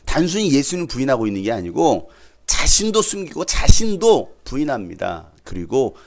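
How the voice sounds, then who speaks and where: A man's voice: mid-range voice, normal speed. A man preaching a sermon as pastor, putting questions to the congregation and acting out quoted speech. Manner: animated, asks the congregation questions and acts out quotes.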